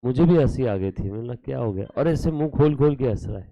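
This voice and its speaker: A man's voice: mid-range voice, animated, fast talker, warm tone, no echo, poor audio. A man teaching accounts to a live class, with a slight tinge, who keeps questioning students and scolds them playfully. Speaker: accounts lecturer. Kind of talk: classroom lecture mixing Hindi and English.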